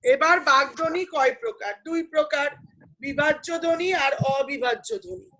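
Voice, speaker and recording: A woman's voice: sits high, normal speed, sharp tone, low-quality recording. A woman teacher explaining grammar to students, patiently asking questions and answering them herself. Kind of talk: online class lecture.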